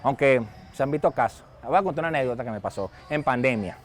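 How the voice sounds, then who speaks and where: A middle-aged male pastor with a Venezuelan Spanish accent, preaching a sermon in an animated storytelling manner. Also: medium pitch, quick pace. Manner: storytelling, animated, shouts when acting out a scene.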